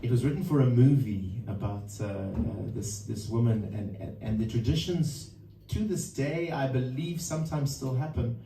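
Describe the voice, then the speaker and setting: A man from Zimbabwe, introducing a song at a live music session in a halting, thoughtful way full of pauses and fillers. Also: mid-range voice, dark tone. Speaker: singer-songwriter introducing a song. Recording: roomy, distant mic with faint background noise.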